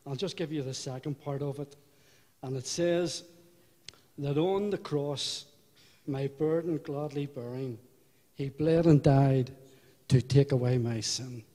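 An older man with a Belfast accent giving a personal testimony in church, unhurried and reflective, with halting restarts. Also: mid-range voice, mellow. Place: church hall. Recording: hall reverb.

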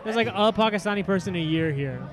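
A man's voice: high voice, lively intonation, quick pace. A man from Southern California, hosting a podcast and chatting casually with strangers outdoors, teasing and laid-back. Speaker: podcast host asking questions. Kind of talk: casual street chat. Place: outdoors on a busy city street. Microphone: handheld recorder. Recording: busy street with music and crowd. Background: music and crowd chatter.

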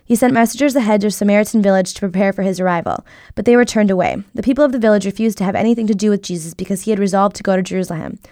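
A woman reading a Bible passage aloud in brisk, even, scripted narration. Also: mid-range voice, no echo, studio quality. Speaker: Bible reader.

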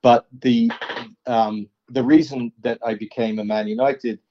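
A man, speaking as an artist guest in a casual interview, pausing often with ums and uhs. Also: mid-range voice, steady tone. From England. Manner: hesitant, many ums and uhs. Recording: dull lo-fi sound.

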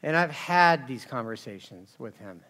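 A man preaching from a church pulpit, swinging from hushed low talk to loud, fired-up shouting and often asking the crowd "right?". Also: expressive, moderate pace, a little hiss or hum. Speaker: pastor. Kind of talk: impassioned sermon.

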